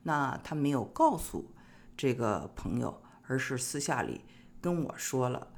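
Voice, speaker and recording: Middle-aged host from china, chatty advice talk, keeps pausing on little filler words, mid-pitched voice. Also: very animated. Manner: chatty and explanatory, frequent pauses on filler particles. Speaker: host of an immigration-advice show. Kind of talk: casual advice monologue.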